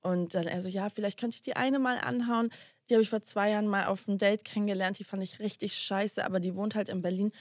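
A woman's voice: mid-range voice, steady tone, fast, no room sound, clean studio sound. A young woman casually telling a story to her co-host, acting out both sides of the dialogue and dropping English slang into her talk.

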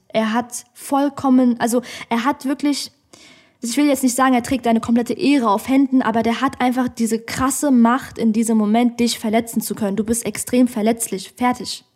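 A woman's voice: on the high side, darkish tone. A woman comedian telling a personal story on a podcast in a studio, blunt and outspoken.

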